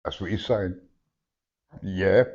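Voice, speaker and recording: This low, slightly mellow male voice moves slowly with fairly even intonation. He's a toothless medium whose words come out a bit slurred as he gives a chatty, blunt reading to a sitter at a live event, frequently checking "yeah?". The sound is a dull, lo-fi live recording.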